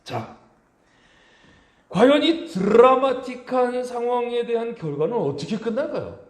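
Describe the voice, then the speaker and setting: Lively high-voiced male pastor, echoey hall. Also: a little slow. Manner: acts out quoted voices with big pitch swings. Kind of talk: sermon. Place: church sanctuary.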